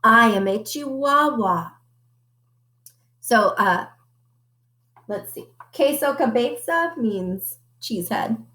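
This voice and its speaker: A woman reading a picture book aloud to children, animated and stopping to ask her listeners questions. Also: a little high, reverberant.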